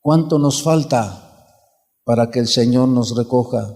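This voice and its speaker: Mexican pastor preaching, tells stories w voices, lots of reverb. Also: male voice, medium pitch, measured pace, mellow. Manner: preaching, urging listeners, acting out voices in his anecdotes. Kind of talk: sermon with storytelling.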